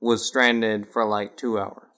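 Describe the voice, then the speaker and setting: A man's voice: fairly low pitch, flat delivery, slow, a bit bright. A man in casual chat making dry joking asides.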